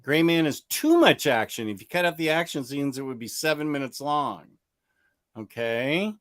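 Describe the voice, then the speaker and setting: A man's voice: fairly high pitch, sing-song, normal speed, a bit bright, dry recording. Rambling middle-aged man, dry close sound. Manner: rambling, self-interrupting, chuckles often. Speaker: comics channel host. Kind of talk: casual chat reading viewer questions.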